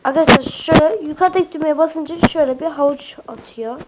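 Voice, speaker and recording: A high-voiced woman with a slightly sick voice narrates a casual gameplay tutorial. She is chatty and hesitant, filling gaps with "uh" and turning to her viewers as friends. A clear hiss and mouse clicks run under her home desk-mic recording. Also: quick pace. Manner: keeps addressing viewers as friends, chatty and hesitant with many fillers. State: slightly sick voice with occasional coughs. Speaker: Minecraft tutorial YouTuber.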